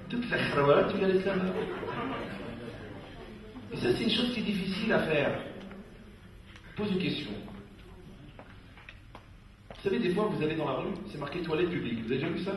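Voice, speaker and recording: A man's voice: on the high side, a little fast, long pauses. A rabbi giving a humorous talk to a dinner audience, telling stories and acting out the people he quotes. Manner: lively storyteller, acts out quoted people. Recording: echoey hall, distant mic, faint noise.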